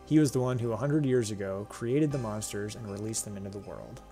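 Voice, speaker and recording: A man's voice: lowish voice, brisk, dark tone, lightly acted. A man reading game lines as a boastful young male sword hero, grandiose and demanding, with faint music behind. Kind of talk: reading game dialogue aloud.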